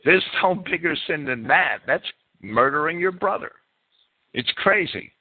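A man's voice: a little high, lively intonation, unhurried, husky. A man hosting a call-in show, speaking off the cuff in an emphatic, repetitive way. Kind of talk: spontaneous monologue and chat with callers. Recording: narrow phone-like radio sound.

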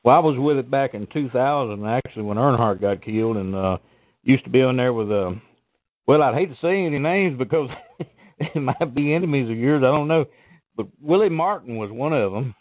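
A middle-aged or older man with a deep Southern American accent, chatting casually and folksily as a phone-in caller. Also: animated, fairly quick, dry recording. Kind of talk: casual chat. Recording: tinny phone-like line.

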